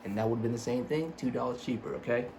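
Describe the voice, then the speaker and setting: Sitting in a small home room by a computer desk, a young man rambles casually through a sneaker review, cursing and mocking himself. His speech is slightly slurred by braces, his medium-pitched voice gravelly and darkish, his pace quick. A little hiss or hum is audible.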